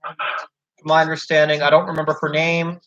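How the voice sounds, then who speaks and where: This is a dull lo-fi recording of a young man, a job applicant, chatting casually as he retells a job situation at length. He speaks a little fast in a monotone, fairly bright voice on the high side, rambling with frequent "like" and "so."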